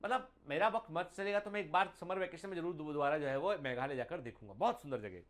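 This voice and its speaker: High-voiced man teaching biology. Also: animated, fairly bright tone. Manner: mixes Hindi and English, slows to read English lines aloud; calls students "beta", often adds "theek hai". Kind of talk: online exam-prep lecture.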